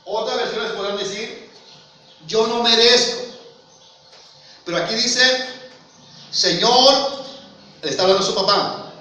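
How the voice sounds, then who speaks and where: A high-voiced man with a Mexican accent preaches with emphasis, firing rhetorical questions at his congregation. His bright voice rings through a very echoey church hall. He sounds set back from the mic. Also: a little slow, pauses often, far from the mic. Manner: emphatic, addresses listeners as brother, asks rhetorical questions. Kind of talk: sermon.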